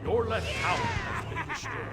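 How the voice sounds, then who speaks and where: High, lively game announcer. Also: male voice, normal speed, very noisy, heavily acted. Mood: announcing. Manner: formal, declarative. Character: stern male battle arena announcer.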